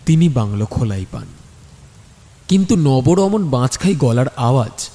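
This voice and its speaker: Telling a scripted story in the first person, a man uses a dramatic storytelling style and a medium-pitched, mellow voice. Long studio reverb and background music accompany him.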